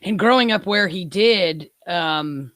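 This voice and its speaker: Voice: medium pitch, takes it slowly, a bit bright, no room sound, clean studio sound. An interviewer giving brief affirmations and asking thoughtful follow-up questions in a casual interview. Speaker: interviewer, host.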